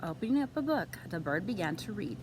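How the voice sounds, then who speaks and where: A woman reading a children's story aloud expressively, with deliberate, teacherly phrasing. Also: very animated. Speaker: storytime reader. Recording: clear background noise, vehicle rumble. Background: background noise.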